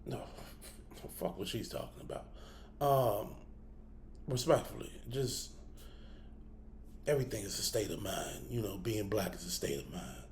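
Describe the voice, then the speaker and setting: A man's voice: fairly low pitch, expressive, a little slow, pauses often, darkish tone, a little hiss or hum. A man talking casually and bluntly to his listeners, cursing freely and thinking aloud, with the hiccups. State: has the hiccups. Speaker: host. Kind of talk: casual spoken reflection to camera.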